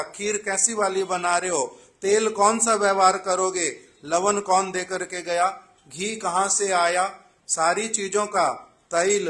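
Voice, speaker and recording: A man giving a devotional sermon at a temple festival, with a high voice and an unhurried pace. He recites a verse, then patiently explains it line by line. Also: a bit bright. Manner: measured, storytelling delivery.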